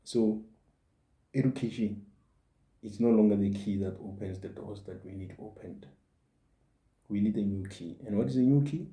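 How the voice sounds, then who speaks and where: A man's voice: on the low side, moderate pace, long pauses, warm tone. A man in his forties gives a motivational monologue as a podcast host, earnest and repeating his points for emphasis. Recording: roomy echo.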